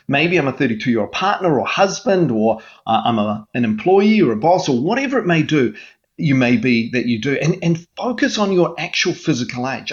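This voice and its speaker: A man with a slightly high voice appears as a mental health guest in an interview, and the sound is lo-fi. He explains things in an earnest, coaching manner, frequently restarting his sentences.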